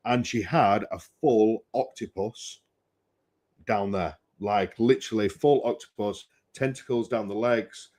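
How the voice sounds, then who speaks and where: Low-pitched guy chatting in a tattoo studio, animated storyteller, does the voices, laughs a lot. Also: unhurried. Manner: lively anecdote teller, acts out voices, laughs often. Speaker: tattoo studio owner, podcast guest. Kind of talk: casual podcast chat.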